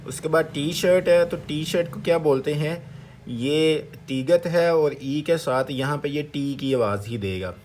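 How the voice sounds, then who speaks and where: Man slowly drilling Korean syllables. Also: a little high, a little mellow, a little hiss or hum. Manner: slow, repetitive syllable-by-syllable drilling with questions to viewers. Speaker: language teacher. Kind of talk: Korean vocabulary lesson in Urdu.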